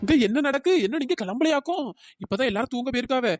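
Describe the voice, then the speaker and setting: A woman voicing a brisk village woman in a cartoon story who urges the others to leave quickly. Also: high-pitched, expressive, a little mellow, no room sound, studio quality, faint music behind. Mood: urgent. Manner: hurried, urging.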